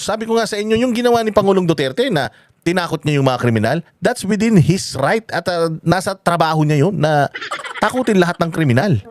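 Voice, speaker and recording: A man rants through a political commentary vlog, swearing, laughing between jabs and hammering rhetorical questions. His voice sits a little high. A faint hiss runs under it. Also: a little mellow. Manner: fiery, profane, rhetorical questions, laughs mid-rant. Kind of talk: heated casual commentary.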